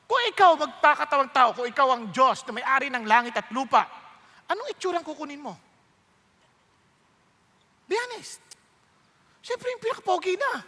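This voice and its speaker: Animated Filipino pastor, high bright voice. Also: male voice, moderate pace, pauses often. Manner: animated, jokey, mixes English into the preaching. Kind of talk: conversational sermon. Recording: reverberant hall.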